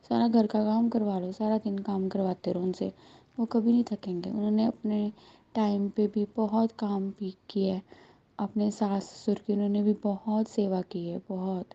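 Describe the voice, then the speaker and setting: A woman's voice: medium pitch, vocal fry, mellow. A woman in her thirties giving an earnest, heartfelt devotional testimony to a congregation. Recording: dull lo-fi recording.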